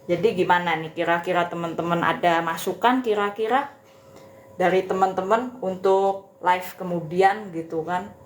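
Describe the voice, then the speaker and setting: A woman's voice: on the low side, normal speed, slight background noise. Chatty woman teacher, echoey room. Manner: chatty, many fillers and tag questions. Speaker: Mandarin teacher. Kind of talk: casual live-stream announcements.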